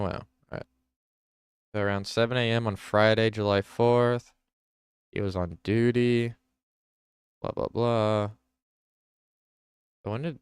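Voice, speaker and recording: A man's voice: on the low side, clean tone, no echo, studio quality. A man hosting a livestream, reading news headlines aloud and reacting to them, with self-corrections. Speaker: livestream host.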